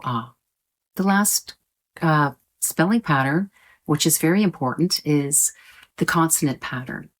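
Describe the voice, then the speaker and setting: A woman pronunciation teacher with a low voice, speaking slowly and deliberately. She explains patiently, repeats her points and holds out vowel sounds to show them. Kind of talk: slow explanatory lesson.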